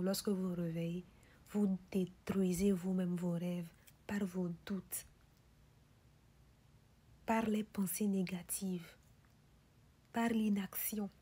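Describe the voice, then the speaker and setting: Female motivational speaker, very husky and whispery, mellow tone, insistent questions and refrains. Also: medium pitch. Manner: whispery, breathy delivery. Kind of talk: motivational speech.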